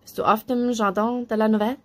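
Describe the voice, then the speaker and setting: A woman voicing a friendly, calm young man, a new designer, in a gentle tone. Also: fairly high pitch, fast, natural voice.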